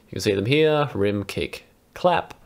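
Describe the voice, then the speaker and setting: Sitting at a computer in a small room, a young electronic musician and vlog host casually walks through a music patch demo as synthesizer music plays. His voice runs on the low side, animated yet a little slow, and creaky.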